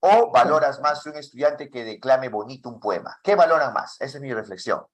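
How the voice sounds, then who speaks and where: A man teaching a class for teachers, asking many questions in a lively way. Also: medium pitch, a little fast. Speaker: teacher trainer.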